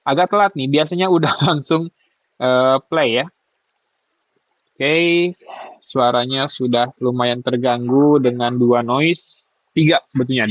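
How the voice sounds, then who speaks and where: A man's voice: medium pitch, no room sound. Man talking through an earbud mic into a fan. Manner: relaxed, chatty, checking with the listener. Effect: voice recorded through a wireless earbud microphone with a fan and cafe noise running. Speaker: gadget reviewer. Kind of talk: casual product demo. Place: small room at a desk. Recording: dull lo-fi earbud mic, dry. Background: fan running.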